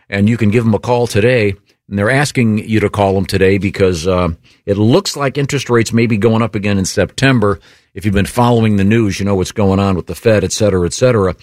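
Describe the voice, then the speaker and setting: A man's voice: on the low side, dry recording, studio quality. A man hosting a radio talk show, chatting casually and reading an ad with many fillers. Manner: relaxed, stammering with fillers. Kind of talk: casual radio chat and host-read ad.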